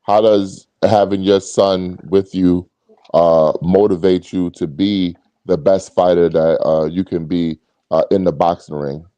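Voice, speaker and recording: A man co-hosting a boxing talk show, asking slow, careful questions and giving short agreeing replies. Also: low-pitched, little pitch movement, warm tone, dry recording, highs cut off. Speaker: podcast co-host. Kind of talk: casual interview talk.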